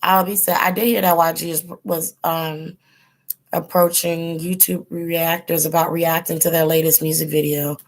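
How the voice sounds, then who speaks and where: A woman whose low voice shows little pitch movement talks at a moderate pace on her tarot channel's casual livestream. Chatting with live viewers, she rambles with lots of ums and likes while losing her voice.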